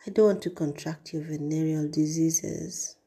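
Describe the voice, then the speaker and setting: A woman voicing an angry, trapped young woman in an audiobook, speaking in a bitter, hushed way. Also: low voice, steady tone, moderate pace, husky, exaggerated voice. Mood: hushed fury.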